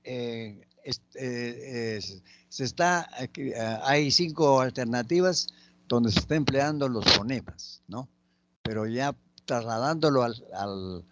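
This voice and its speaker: Male teacher, patient and methodical, mid-pitched, dull lo-fi recording. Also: fairly bright tone, slight background noise. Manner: slow, patient, spelling out example words. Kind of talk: spoken grammar lesson.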